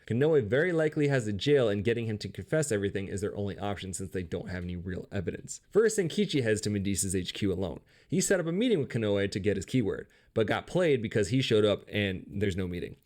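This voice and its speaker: A man's voice: on the low side, darkish tone. A man narrating a casual, comedic video game story recap with a sarcastic, profane, wisecracking delivery.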